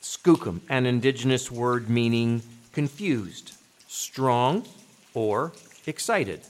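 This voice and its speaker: A man hosting a scripted quiz, speaking deliberately and setting out words clearly. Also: mid-range voice. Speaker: quiz show host.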